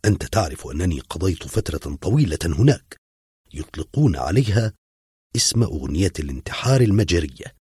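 A man voicing a tense doctor friend, very deep and husky. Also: big pitch swings, a little fast, a little mellow, no echo, clean studio sound, exaggerated voice. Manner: tense, explaining. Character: worried middle-aged male doctor friend.

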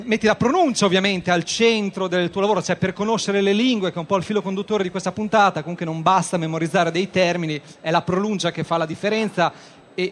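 A man hosting a radio chat, teasing and joking with quick interruptions. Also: high-pitched, fairly bright tone. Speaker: radio host.

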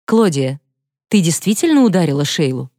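A woman's voice: deep voice, sing-song, moderate pace, warm tone, dry recording, studio quality. Stern school teacher, read by a woman. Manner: firm, clipped.

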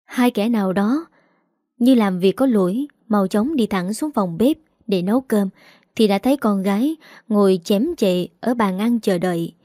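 A woman narrating a romance story in an even, plain reading style. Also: mid-range voice, measured pace, no echo, studio quality.

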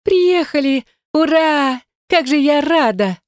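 A woman reading an excitable, gushing sister-in-law in a shrill, high voice. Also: brisk, dry recording, clean studio sound, close to an everyday voice. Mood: ecstatic.

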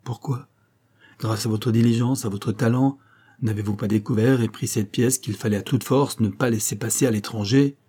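A man voicing an excitable male government minister in an audiobook, with an emphatic, agitated delivery. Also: mid-range voice, moderate pace, breathy edge, natural voice. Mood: puzzled. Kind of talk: audiobook character reading.

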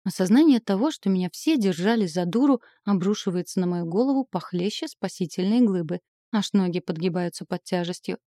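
A woman narrates a romance novel in the first person with expressive, emotional delivery. Her voice sits low and mellow. The recording is close and completely dry. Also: brisk, dry recording. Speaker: audiobook narrator.

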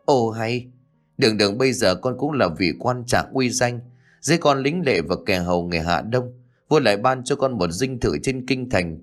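A man voicing a young newly appointed mandarin, speaking smoothly and persuasively to his mother. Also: mid-range voice, lively intonation, moderate pace, faint music behind, close to an everyday voice. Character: young newly made mandarin son, gentle yet ambitious.

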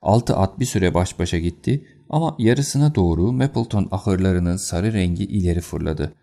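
Male audiobook narrator, low, gravelly, steady delivery. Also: normal speed.

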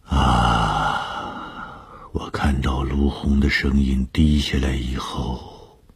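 A man reading a radio story as narrator, slow and hushed, often dropping almost to a whisper. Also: extremely low pitch, level tone, slightly rough.

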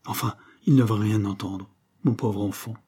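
A man voicing a gentle, tearful elderly noblewoman and grandmother in an audiobook, speaking with soft, earnest pleading. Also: fairly low pitch, fairly even intonation, normal speed, breathy edge. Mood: warm, insistent.

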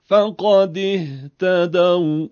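A man's voice: sits high, a little mellow, clean tone, dry recording. A man reciting short Quranic phrases in a melodic chant as examples for a lesson. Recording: dull, lo-fi dry recording.

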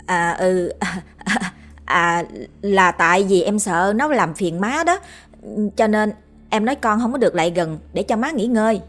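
A woman voicing a spiteful young daughter-in-law who nags and scolds fast. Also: mid-range voice, expressive, a bit bright, close to an everyday voice. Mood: falsely sweet.

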